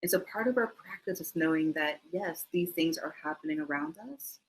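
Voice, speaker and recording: Fairly quick and low-pitched, a middle-aged mindfulness teacher responds to interview questions over a video call with rough audio. She tosses in warm, laughing asides and performs the voices in the quotes she shares.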